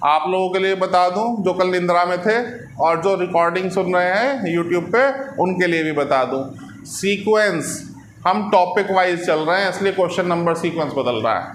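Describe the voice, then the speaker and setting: Physics teacher, high voice, echoey room. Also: male voice, moderate pace, a little hiss or hum. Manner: explains patiently, keeps asking "ठीक है?" and "है ना". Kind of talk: classroom lecture. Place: classroom.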